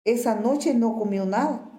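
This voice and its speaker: A woman pastor with a Guatemalan Spanish accent, preaching a sermon in a slow, measured way with pauses and repeated words. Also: on the high side, mellow, echoey room. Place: church.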